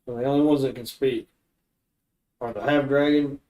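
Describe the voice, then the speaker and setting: A man narrating a tabletop game as game master, improvising haltingly and correcting himself as he goes. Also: mid-range voice, steady tone, warm tone, poor audio.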